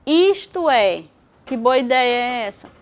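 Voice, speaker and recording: Brazilian teacher lady, pretty high voice, walks thru examples and asks herself questions. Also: expressive. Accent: Brazilian Portuguese. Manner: explains slowly with examples and rhetorical questions. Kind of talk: online lecture.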